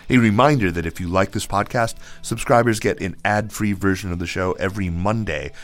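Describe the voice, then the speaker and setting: A man hosting a podcast, talking in a relaxed, joking way with frequent restarts. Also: low-pitched, fairly quick, faint music behind. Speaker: podcast host. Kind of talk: casual podcast conversation.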